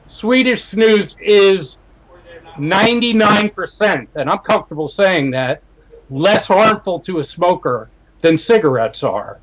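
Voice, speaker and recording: A man's voice: high voice, animated, a little slow, lo-fi sound. A man co-hosting a casual online panel, explaining at length with a few restarts, on a home computer mic over a video call. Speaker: podcast co-host.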